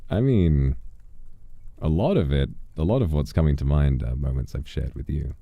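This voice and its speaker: A livestream host plays a centuries-old wandering voice demon, telling stories in a musing, theatrical way and mixing in casual stream chat. He has a creaky bass voice and a moderate pace. He's on a dry, close studio microphone with no room sound, yet the audio has a phone-quality sound.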